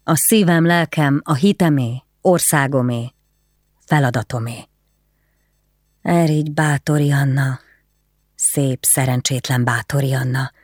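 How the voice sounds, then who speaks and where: Brief: stern, weary nobleman, read by the narrator, grave and hushed, close dry audiobook sound. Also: medium pitch, pauses often, no room sound, lightly acted. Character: grieving stern nobleman, duty-bound, weary.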